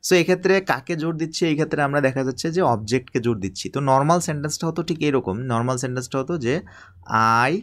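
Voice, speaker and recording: Man, teacher, online class lecture, slow drawn-out dictation, mid-pitched voice. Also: lively intonation. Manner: slow, drawn-out dictation of example sentences, frequent check-ins with learners. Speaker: English teacher.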